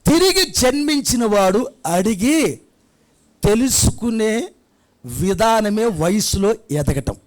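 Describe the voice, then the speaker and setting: A pastor preaches in a church prayer hall, his voice sitting high for a man. He talks to the congregation conversationally, firing rhetorical questions and slipping into little acted scenes. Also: very animated, slow pace, pauses often, a little mellow. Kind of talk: sermon.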